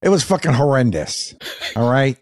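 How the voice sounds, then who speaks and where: Animated joking man with a lively voice. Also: medium pitch, normal speed. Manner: animated, joking, laughs often. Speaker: podcast co-host. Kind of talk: casual chat. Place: home workshop. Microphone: headphones and studio mic on video call.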